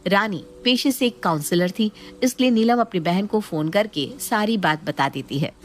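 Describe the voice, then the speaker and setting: A woman narrating a scripted cartoon story for children in a lively, expressive way. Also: medium pitch, moderate pace, slight background noise.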